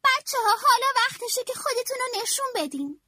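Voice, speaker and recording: A woman's voice: extremely high pitch, very animated, pushed and bright, voice pushed up, full character voice. A woman voicing an encouraging team coach in a children's storybook, rallying the players. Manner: rallying, instructive.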